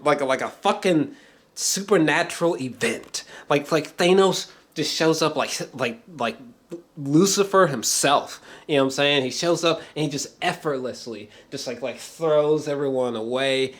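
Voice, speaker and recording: Here a man with a slightly high voice delivers a loose, rambling movie review, clearly a thrilled fan. He curses freely, pauses often, and repeats things to drive his points home.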